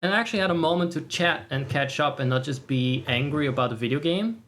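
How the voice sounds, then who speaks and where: Livestream host, casual chat. Mid-range pitch, sarcastic, mock-boastful, foul-mouthed. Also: lively intonation, fast, fairly bright tone. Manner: profane. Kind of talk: casual chat to stream viewers.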